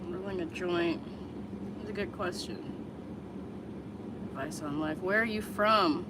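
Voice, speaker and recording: A woman in her thirties from the Chicago area chats bluntly and candidly with viewers on a casual livestream, answering them live and swearing freely. Her voice is lowish and her pace measured, with heavy background noise.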